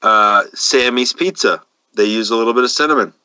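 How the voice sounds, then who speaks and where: A man's voice: medium pitch, sharp tone, clear, resonant tone, no echo, rough recording. A man, co-hosting a casual chat and confidently handing out cooking advice. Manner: confident, advice-giving, drawn-out emphasis. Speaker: podcast co-host.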